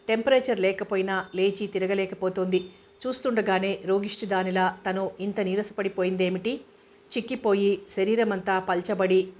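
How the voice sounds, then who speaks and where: A woman narrating a novel aloud in a steady, even reading voice. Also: medium pitch. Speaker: audiobook narrator.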